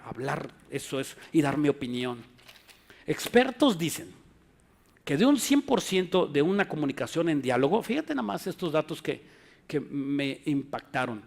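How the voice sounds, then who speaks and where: Mexican pastor preaching animatedly. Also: male voice, on the high side, gravelly. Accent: Mexican Spanish. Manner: animated preaching, acts out quoted voices; frequent restarts and filler words. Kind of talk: sermon.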